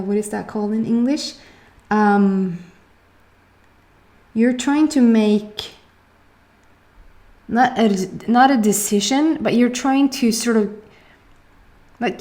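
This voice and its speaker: This young woman speaks in a mid-range, slightly mellow voice with a Swedish accent, being a native Swedish speaker. She's giving a casual tarot reading, rambling along, often searching for her words and using lots of fillers.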